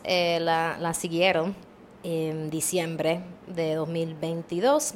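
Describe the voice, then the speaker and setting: A woman's voice: low-pitched, a little mellow, slight background noise. A woman from Maryland hosting a podcast, chatting casually in a bilingual mix with English words dropped into her Spanish. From Maryland, USA. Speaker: podcast host.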